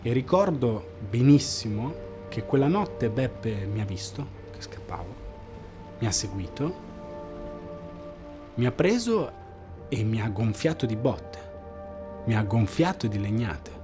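A man playing a disillusioned former party member in a mockumentary interview, recounting events in a flat, matter-of-fact way. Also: medium pitch, a little slow, pauses often. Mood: deadpan. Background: background music.

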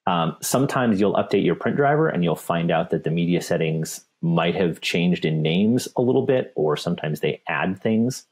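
Male tech specialist for a webinar Q&A, very low and husky, relaxed and full of restarts. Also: normal speed, hardly any pauses. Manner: relaxed, with frequent repeats and restarts. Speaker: paper company technical specialist. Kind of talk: webinar Q&A, answering viewer questions.

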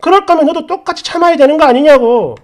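A woman reading out a hurt wife, exasperated and accusing, pressing her husband for answers with a raised voice. Her pitch swings widely and lively as she argues. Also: a little fast. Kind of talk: storytelling with acted dialogue.

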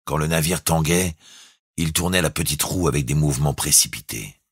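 A man reading a classic novel aloud as an audiobook, in a measured, expressive storytelling manner. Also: very deep voice, slightly rough, dry recording, clean studio sound. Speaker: audiobook reader. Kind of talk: literary audiobook narration.

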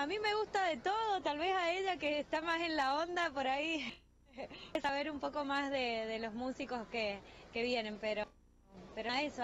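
A woman's voice: sits high, fairly bright tone, slight background noise. A young Argentine woman from San Juan, a tourist chatting into a reporter's handheld mic on the beach, friendly and talkative. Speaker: interviewed tourist. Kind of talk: casual street interview. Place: beach outdoors.

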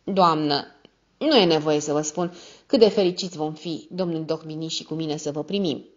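A woman narrating a classic novel as an audiobook, in a measured storytelling manner. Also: sits low, dull audio. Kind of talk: scripted narration.

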